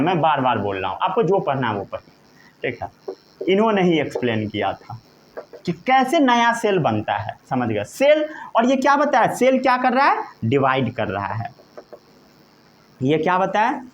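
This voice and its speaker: Male teacher, high and animated, slow deliberate delivery, constantly checks comprehension. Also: a little hiss or hum. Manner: repeatedly checks understanding with short questions; slow, emphatic dictation of key terms. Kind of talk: classroom lecture.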